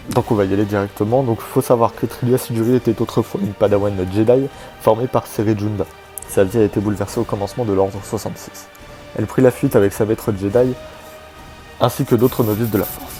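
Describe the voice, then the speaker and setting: A man's voice: on the low side, fairly even intonation, brisk, dark tone. A man hosting a casual video, chatty and hesitant with many fillers and joking asides, over faint background music. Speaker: YouTube host presenting a game character.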